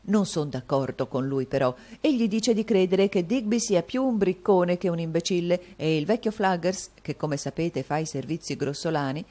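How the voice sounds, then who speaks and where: A woman's voice: on the low side, mellow, pitched above the performer's own voice. A woman reading an audiobook, voicing a gossipy, meddling male actor with an insinuating, confiding tone.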